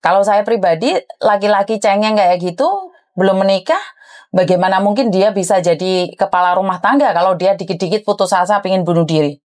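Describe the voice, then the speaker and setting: A woman's voice: mid-range voice, fairly even intonation, a little fast, a little mellow. A woman hosting an advice show, giving frank, lecturing advice to a caller. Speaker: advice host. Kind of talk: advice chat.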